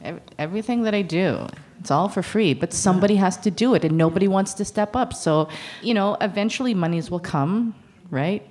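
A woman's voice: medium pitch, fairly quick, darkish tone. A woman speaking at a public university talk, blunt and sarcastic, acting out the conversations she recalls. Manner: blunt, sarcastic, acts out quoted exchanges. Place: university lecture event.

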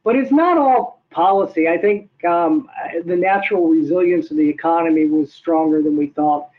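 An older man, an economist, explaining figures in a measured way with many hesitations. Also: fairly high pitch. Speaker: guest economist. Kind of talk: interview answers. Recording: tinny phone-like line.

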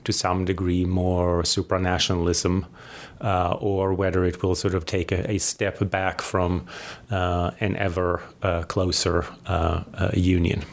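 A very low-pitched man. He answers interview questions slowly and thoughtfully, pausing often and restarting his sentences as he searches for the right words. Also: little pitch movement, vocal fry. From Sweden. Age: 40s. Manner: measured, hesitant, many fillers and restarts. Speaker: guest academic.

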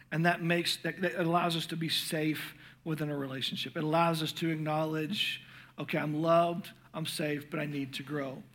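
A middle-aged man teaching parents in an earnest, passionate sermon, stumbling over restarts, his voice growing hoarse. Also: on the high side, a bit bright. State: losing his voice.

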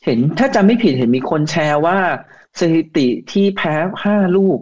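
Casual co-host, blunt and crude, higher-pitched man, muffled lo-fi recording. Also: sing-song, moderate pace, a little mellow. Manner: blunt, crude slang-filled banter. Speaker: podcast co-host. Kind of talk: casual football chat.

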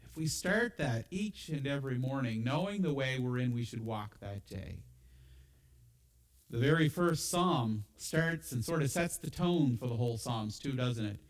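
Lively, animated male preacher. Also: medium pitch, measured pace, rough recording. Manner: animated, asks the congregation rhetorical questions. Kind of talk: sermon.

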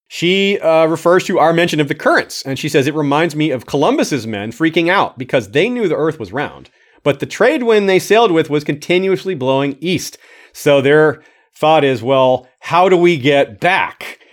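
A man's voice: fairly high pitch, big pitch swings, normal speed. A man hosting a livestream, reading a listener's comments aloud and adding his own casual remarks. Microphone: streaming microphone.

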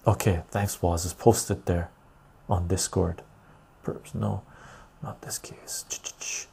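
A man's voice: deep voice, flat delivery, slow pace, creaky, dark tone, husky, whispered. A man, hosting a casual livestream, reading chat and rambling with frequent "right?" tags. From Canada, born in Iran. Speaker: livestream host.

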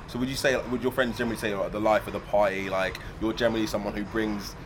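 A man's voice: fairly low pitch, fairly even intonation, fast talker, very noisy. A man interviewing someone casually, chatty and affirming, often echoing what he hears. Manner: chatty, affirming, echoes the guest's words. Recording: busy crowd chatter behind.

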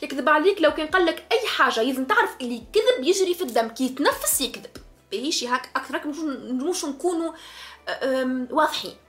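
Woman, tunisian arabic accent, high-pitched, casual advice talk, code-switching, emphatic. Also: lively intonation, quick pace, fairly bright tone, soft background music. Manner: mixes French and English into her Arabic; emphatic, keeps asking "understood?". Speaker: advice giver.

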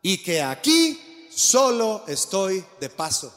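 A man preaching a sermon as pastor, animated and asking the congregation questions. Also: sits high, takes it slowly. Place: church. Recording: long church reverb.

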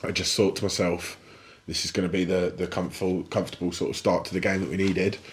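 Deep-voiced enthusiastic football podcast co-host. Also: male voice, flat delivery, fast. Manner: enthusiastic, repeats words. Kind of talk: casual football podcast chat.

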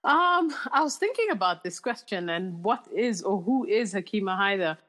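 A woman's voice: medium pitch, very animated, moderate pace, a bit bright. A woman from Kenya, a podcast guest, explaining at length in a reflective way with frequent restarts. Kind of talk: casual interview talk.

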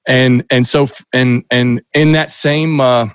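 A man's voice: mid-range voice, steady tone, unhurried, smooth, dry recording. A middle-aged man from Kentucky, a podcast guest telling stories in a casual, rambling way with many restarts. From Kentucky, USA. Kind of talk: casual interview storytelling.

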